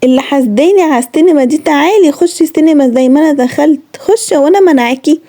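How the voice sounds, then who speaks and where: A woman's voice: sits high, racing, warm tone. A young woman with an Egyptian accent, talking earnestly to her viewers and scolding them directly. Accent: Egyptian Arabic. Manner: earnest, reproachful, lecturing listeners directly. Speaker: vlogger. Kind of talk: heartfelt talk to camera.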